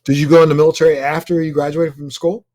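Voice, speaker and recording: A man's voice: on the high side, flat delivery, fast, darkish tone. A man hosting a podcast interview, eager and friendly, often stacking several rephrased questions in a row. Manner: eager, piles up repeated questions. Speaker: podcast host. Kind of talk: casual interview.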